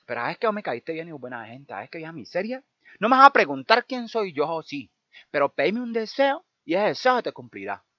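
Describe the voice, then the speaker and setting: Give me a kind wandering pilgrim with a Colombian accent, as a man voices him, quick and bright. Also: on the high side, big pitch swings, no echo, dull audio. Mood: grateful. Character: hungry wandering male pilgrim, grateful and kind.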